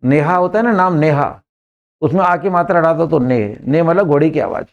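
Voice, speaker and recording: A man's voice: a little high, fairly quick, lo-fi sound. A man teaching an English grammar lesson in a classroom, repeating words and often checking that his students understand.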